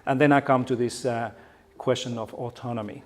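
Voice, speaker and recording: A middle-aged Finn speaks briskly to a conference hall audience, his mid-range voice fairly even and a bit mellow, with a Finnish accent. The keynote is friendly and full of jokes, with sentences often restarted.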